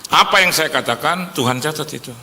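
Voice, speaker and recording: A man's voice: fairly high pitch, fairly quick, bright, forceful tone, in a large hall. A man in his sixties, a pastor preaching a sermon as a joking storyteller who acts out dialogue. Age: 60s.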